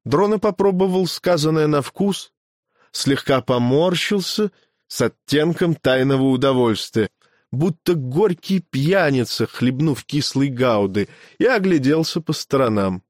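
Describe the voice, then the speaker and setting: A man reading an audiobook as a measured storyteller. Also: a little high, expressive, a little mellow, no echo, clean studio sound. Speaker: audiobook reader. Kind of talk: scripted narration.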